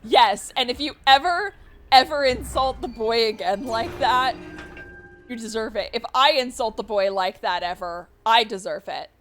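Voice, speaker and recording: A woman speedrunner giving live commentary on her game, cooing baby talk to the creature and bursting out loud when things go well or wrong. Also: fairly high pitch, normal speed, faint music behind. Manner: excitable, with sudden loud outbursts. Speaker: speedrunner streamer.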